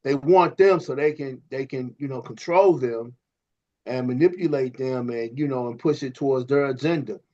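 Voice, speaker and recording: A man co-hosting a podcast, talking in an animated, preachy way to a guest and stumbling over repeated words. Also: medium pitch, normal speed. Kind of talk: casual podcast conversation. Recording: slightly dull lo-fi audio.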